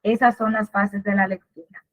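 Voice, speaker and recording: A woman's voice: mid-range voice, flat delivery, normal speed. A woman presenting a literacy workshop in a webinar lecture, patiently explaining and asking and answering her own questions. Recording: tinny phone-like webinar audio.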